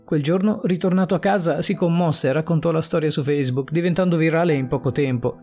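A man's voice: fairly high pitch, quick pace, mellow, soft background music, voice pushed up, close to an everyday voice. A man reading a frightened old woman. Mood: grateful. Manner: pleading, anxious questions. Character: elderly woman trapped in a coffin, frightened.

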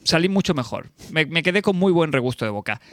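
A man's voice: on the high side, quick pace, no echo. Guy chatting, acts out what people said, dry close mic. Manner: animated, acts out quoted reactions. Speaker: podcast co-host. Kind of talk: casual chat.

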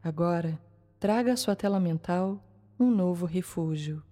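A Brazilian woman leading a guided meditation in a calm, soothing manner, leaving long pauses between short phrases. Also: lowish voice. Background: soft music.

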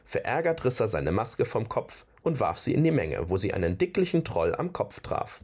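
A man reading a fantasy novel chapter aloud as narrator, in an expressive storytelling manner. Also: lowish voice, moderate pace, husky. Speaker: audiobook reader.

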